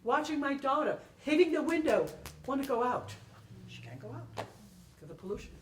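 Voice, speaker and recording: Her high-pitched voice swings widely at a moderate pace as this panel performer tells animated stories in reply to the audience, emphatic, repeating herself and asking "okay?". The indoor library event room and far mic make it roomy, with faint noise.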